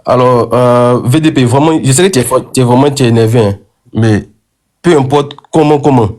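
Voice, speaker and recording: Halting man lecturing in a debate. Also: medium pitch, darkish tone, a little hiss or hum. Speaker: debate participant. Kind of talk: heated online debate.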